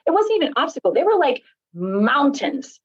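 A woman's voice: high-pitched, sing-song, moderate pace, muffled recording. A woman, an author guest, telling her story in casual faith-based conversation and acting out the voices of people she quotes.

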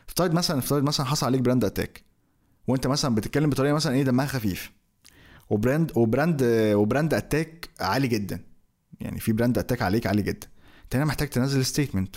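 A young man with an Egyptian Arabic accent teaching marketing in a conversational way, asking himself questions as he goes. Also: medium pitch. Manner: conversational, explains with rhetorical questions. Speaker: marketing instructor. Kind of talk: educational talk to camera.

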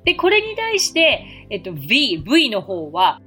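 A woman hosting a podcast English lesson who explains patiently and repeats English phrases slowly for learners to practice. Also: a little high, wildly swooping pitch, sharp tone, soft background music. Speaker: English teacher and podcast host.

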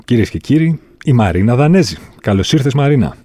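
A man hosting an interview show, giving slow, theatrical introductions and asking follow-up questions. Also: medium pitch, sing-song, warm tone, no room sound, studio quality. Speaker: show host.

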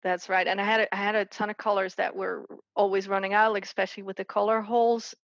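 Muffled and without room sound, the recording captures a gravelly, medium-pitched woman's voice with little pitch movement. She's a guest artist from the Netherlands chatting in an interview, restarting often, using lots of fillers, and laughing quickly.

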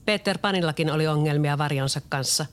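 A reader doing a calm, kind father. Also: mid-range voice, slight background noise, close to an everyday voice. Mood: gentle.

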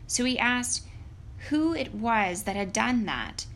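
A woman storyteller giving an expressive narration of a fairy tale. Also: on the high side, takes it slowly, slight background noise.

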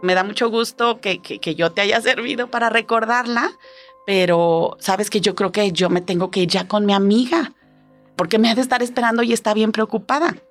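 A woman with a Mexican accent tells a personal story in an expressive, chatty way, with a voice of middling pitch. She keeps tossing in little questions to the listener, and soft music plays faintly behind her. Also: moderate pace. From Guadalajara, Mexico. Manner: expressive, conversational, lots of tag questions. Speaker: storyteller guest.

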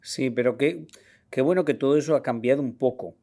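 A man's voice: mid-range voice, a little fast, mellow. Friendly talkative man hosting an interview. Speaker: podcast host, interviewer. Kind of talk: casual interview chat.

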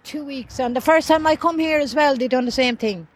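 A woman's voice: high voice, a little fast. A woman in her early fifties with an Irish accent, upset, giving an informal interview. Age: early 50s. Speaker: prison visitor being interviewed. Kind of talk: informal vox-pop interview. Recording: outdoor interview with background noise.

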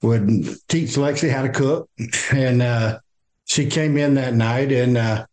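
An older man from the American South, telling a personal story in an interview, halting with many fillers and restarts. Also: mid-range voice, darkish tone. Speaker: guest.

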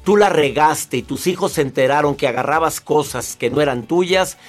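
A man with a Mexican accent, a podcast guest telling lively stories in casual chat. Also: a little high, moderate pace, soft background music. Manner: animated storyteller who acts out family voices. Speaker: podcast guest, advice speaker.

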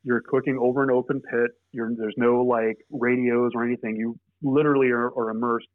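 A young man, a podcast guest, telling stories in a halting, rambling way with many restarts. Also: mid-range voice, level tone, dry recording, narrow, tinny audio. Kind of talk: casual storytelling.

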